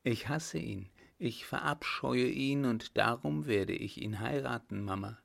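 A man's voice: medium pitch, vocal fry. A man reading a coldly vengeful young woman. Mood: cold resolve. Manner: calm, hard, measured. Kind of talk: audiobook character voice.

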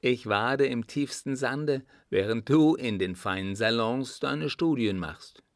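A man's voice: fairly low pitch, measured pace, creaky, no echo, clean studio sound. A man reading a wry young officer. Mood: ironic. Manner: ironic, teasing. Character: young male officer, dryly joking adventurer. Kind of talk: audiobook dialogue reading.

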